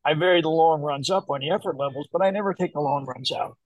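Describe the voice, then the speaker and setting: A man's voice: fairly high pitch, quick pace, no echo, poor audio. An older man, a running coach, talking casually in an interview, rambling and repeating the starts of his phrases.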